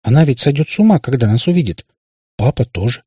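A man's voice: medium pitch, animated, fast, dark tone, slightly rough, dry recording, studio quality, voice pushed up. Man doing a timid frightened little girl. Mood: frightened, tearful. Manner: stammering, pleading.

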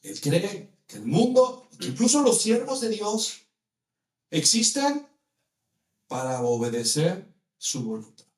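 Male preacher, high-pitched, animated and questioning, distant echoey sound. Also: takes it slowly, pauses often. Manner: animated, asks the listeners many rhetorical questions. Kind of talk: sermon.

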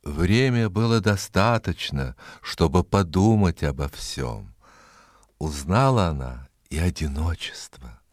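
In a dry, close recording without echo, a man with a very deep voice narrates a fairy tale slowly and dramatically, his delivery full of expressive rises and falls.

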